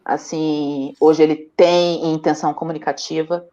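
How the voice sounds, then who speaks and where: A woman's voice: low voice, normal speed, lo-fi sound. A young Brazilian woman with a Brazilian Portuguese accent, a mother talking casually in an interview and telling stories with animation and frequent laughter. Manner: animated storytelling, laughs often.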